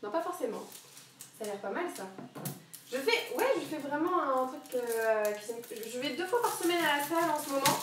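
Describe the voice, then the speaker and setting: Young woman streamer, high voice, chatty and giggly, rambling asides, mic far across the room. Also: lively intonation, normal speed, background noise. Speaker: streamer cooking live. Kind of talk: casual live-stream chat while cooking. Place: home kitchen. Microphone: camera on a wobbly tripod across the kitchen. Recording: very echoey kitchen, voice far from the mic.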